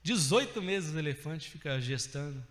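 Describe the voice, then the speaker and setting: Brazilian male preacher, high lively voice, emphatic swells, long church reverb. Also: normal speed. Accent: Brazilian Portuguese. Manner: animated, rising to emphatic outbursts. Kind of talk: sermon.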